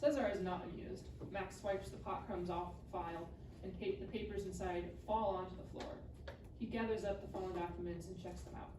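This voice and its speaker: At a live reading event, a woman reads stage directions as scripted narration during a table read, her voice lowish, steady and fairly quick. The room is echoey and the mic distant, though the noise is clear.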